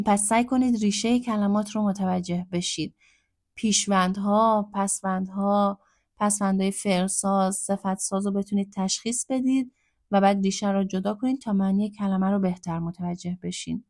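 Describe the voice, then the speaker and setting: A woman teaching a language lesson, explaining words patiently and repeating phrases slowly. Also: medium pitch, fairly even intonation, a little mellow, no echo, studio quality.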